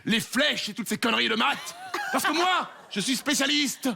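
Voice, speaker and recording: A pompous, sly math teacher lectures his class, as a man puts him on. The voice is bright and high, with lively, swooping intonation. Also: moderate pace, vocal fry, a little hiss or hum, full character voice. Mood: bossy.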